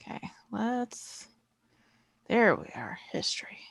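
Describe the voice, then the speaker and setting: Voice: medium pitch, sing-song, slow pace, vocal fry, a bit bright, a little hiss or hum. A player in a casual tabletop game who has a cold, making offhand asides.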